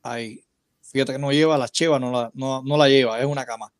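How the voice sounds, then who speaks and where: Un hombre que debate sobre religión por videollamada, con preguntas pausadas y algunas muletillas. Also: male voice, mid-range voice, fairly even intonation, no room sound. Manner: questioning, measured, with hesitant fillers.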